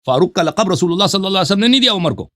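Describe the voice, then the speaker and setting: Insistent lecturing man, lively pitch. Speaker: debater. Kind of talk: heated debate call.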